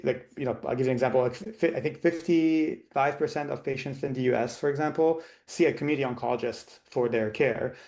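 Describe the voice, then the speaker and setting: A man in his thirties, from Lebanon, talks through his answers as a physician guest. His voice sits at a middle pitch. He restarts sentences and repeats words as he thinks aloud. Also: a little mellow. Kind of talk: interview answers.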